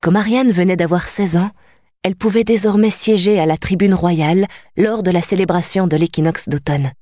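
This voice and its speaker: A woman reading a children's novel aloud as audiobook narration, calm and even. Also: on the low side, moderate pace, no room sound, clean studio sound. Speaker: audiobook reader.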